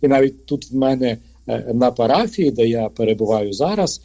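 Ukrainian-born male priest, mellow husky voice, halting interview talk full of fillers. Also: mid-range voice, animated. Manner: hesitant, frequent filler sounds and restarts. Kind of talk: conversational interview answer.

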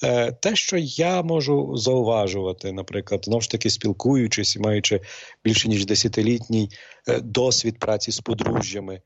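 A middle-aged man, a priest, talking slowly and hesitantly with many pauses and fillers. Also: lowish voice, vocal fry, slightly rough, dry recording, highs cut off. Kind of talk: calm talk show conversation.

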